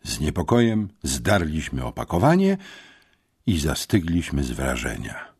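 A man reads an audiobook with a very deep voice and a husky, breathy grain. His narration is expressive, with a lively melody that rises and falls through the story. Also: a little slow.

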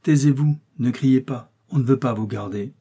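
A man's voice: lowish voice, a little fast, mellow, slightly rough. A man voicing a stern middle-aged police chief who speaks curtly and with authority. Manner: curt, commanding.

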